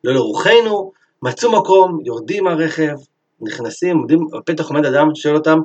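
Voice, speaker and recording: A man's voice: a little high, dull audio, a little hiss or hum. Man telling a story in a sermon. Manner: lively storyteller, acts out the characters. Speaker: Torah teacher. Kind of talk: sermon-style storytelling lesson.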